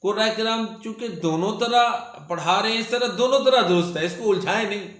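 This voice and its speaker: A man gives a religious lesson on recitation, his voice pitched a little high. He explains earnestly and repeats example words slowly, recorded in an echoey room. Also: fairly bright tone. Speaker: Quran teacher. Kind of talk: religious lecture.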